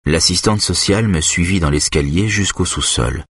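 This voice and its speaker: Narrateur à la voix très grave. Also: male voice, low-pitched, normal speed, slightly rough, dry recording, clean studio sound. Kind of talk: first-person audiobook narration.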